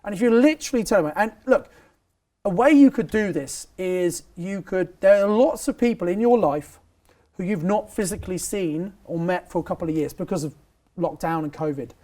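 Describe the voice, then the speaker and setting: A man's voice: high-pitched, normal speed, mellow. Emphatic man coaching on stage. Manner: emphatic, repeats key phrases, acts out dialogue. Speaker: property training host.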